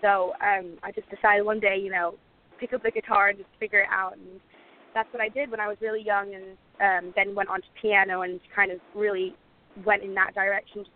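A woman's voice: mid-range voice, flat delivery, fairly quick. A young woman born in Lebanon, a singer answering interview questions in a casual, grateful way with many fillers. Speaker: guest singer. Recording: tinny phone-like line.

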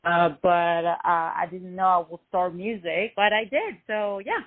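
A woman's voice: fairly low pitch, unhurried. A woman musician who grew up in France, answering interview questions hesitantly with many fillers. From Lebanon, raised in France. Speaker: musician guest. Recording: tinny phone-line sound.

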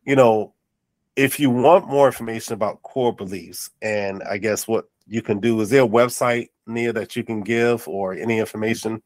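A podcast host from North Carolina, sounding nasal and congested, keeps a casual interview chat going with affirming, encouraging talk. His voice is fairly low, his pace moderate, and the recording is dry.

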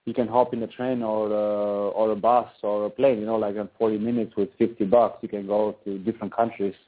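A man's voice: fairly low pitch, flat delivery, fairly quick. A man from Albania, a professional volleyball player, chatting as a guest on a phone call, rambling and saying "you know" constantly. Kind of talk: casual phone interview. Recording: tinny phone line.

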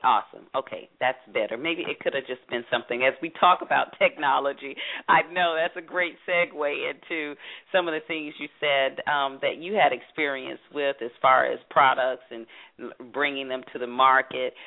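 This interview-show host is a woman with a very deep voice speaking at normal speed. She chats along with many fillers, and the audio comes over a narrow-band phone line.

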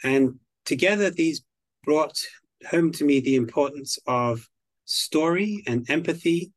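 Measured, articulate man from the United Kingdom. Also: on the high side, no room sound. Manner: measured, articulate, slow and deliberate. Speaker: guest expert on biodiversity. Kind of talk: podcast interview.

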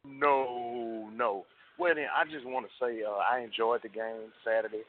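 A man's voice: medium pitch, steady tone, measured pace. Man calling in on a crackly cell phone. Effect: heard over a cell phone line. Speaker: radio call-in caller. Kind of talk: earnest sports fan commentary. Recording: tinny cell phone line with faint hiss.

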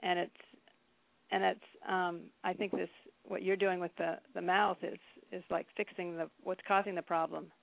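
A woman in her fifties calling in to a talk show, rambling with halting restarts. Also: on the low side, little pitch movement, gravelly, no room sound. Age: 50s. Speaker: caller. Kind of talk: casual phone chat. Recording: dry phone line.

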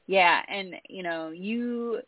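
A woman's voice: mid-range voice, takes it slowly, no room sound. A woman hosting a podcast interview, conversational and affirming as she asks her questions. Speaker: podcast host. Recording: dry, tinny phone-like line.

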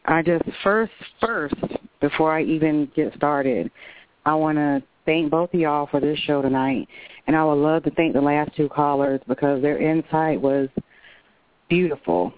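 A woman's voice: deep voice, no echo. A woman calling in to a radio show over a phone line, talking earnestly and personally with a few restarts. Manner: earnest, personal, speaks from the heart with some restarts. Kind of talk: casual call-in chat. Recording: tinny dry phone line.

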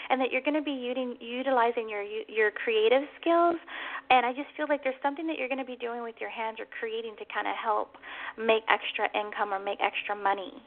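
High-voiced woman psychic, soothing and reassuring. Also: narrow, tinny audio. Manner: soothing, reassuring, with endearments like "hon". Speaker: psychic medium, host. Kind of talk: psychic reading for a caller.

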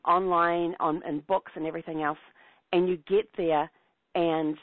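A woman's voice: deep voice, dry recording. A woman host with a New Zealand accent, talking with bubbly, chatty enthusiasm in a casual travel interview. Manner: bubbly, chatty, laughs easily. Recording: dry phone-line sound.

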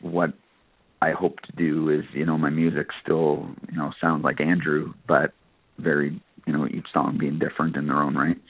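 Speaking in a slightly rough bass voice at a moderate, even-toned pace, a man from Nova Scotia, Canada, chats as a guest on an interview about his work as a country singer and guitarist. He hedges a lot, hesitates, and keeps saying "you know," with dry, narrowband audio resembling a phone line on the radio.

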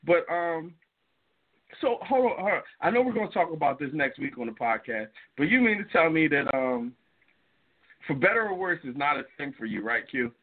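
Male podcast host, slightly high, halting and laughing, phone-quality audio. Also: big pitch swings. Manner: laughing, halting with many restarts. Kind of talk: casual podcast chat. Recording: tinny phone-like line.

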